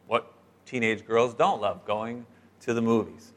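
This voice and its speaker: A middle-aged man preaching a sermon, telling stories in a lively way and acting out the voices of the people in them. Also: medium pitch, unhurried. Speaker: pastor.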